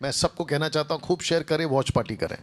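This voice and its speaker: A man's voice: a little high, quick pace. A male pastor making announcements and starting a sermon, talking to a seated group and to viewers online. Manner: speaks to a seated group and a livestream audience, repetitive lists.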